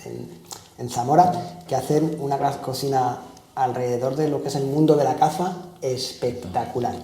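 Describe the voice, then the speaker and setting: A man hosts a relaxed interview podcast, talking in a chatty, friendly way and often restarting his phrases. His voice is mellow and warm, and the room adds a noticeable echo. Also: mid-range voice, moderate pace. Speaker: podcast host. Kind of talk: casual conversational interview.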